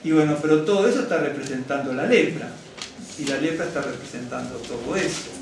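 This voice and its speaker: A male rabbi delivers a lively, rambling sermon in a synagogue hall, speaking directly to the congregation, getting excited and frequently asking "¿no es cierto?" as conversational teaching. His slightly high voice booms through the very echoey space, captured from afar with faint room ambience, a little hiss or hum, and some vocal fry. He talks a bit fast.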